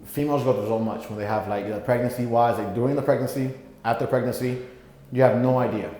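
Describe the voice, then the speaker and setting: A man's voice: mid-range voice, fairly even intonation, quick pace, mellow, slight background noise. A young man from Puerto Rico, raised in Florida, talking as a guest in a casual interview, rambling with lots of fillers and restarts. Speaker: podcast guest. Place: gym. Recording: echoey room with long reverb.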